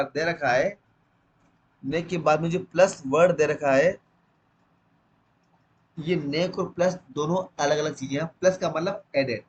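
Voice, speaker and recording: A man teaching a literature lesson line by line. He reads the English text slowly, then explains it quickly in Hindi. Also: fairly high pitch, slight background noise, poor audio.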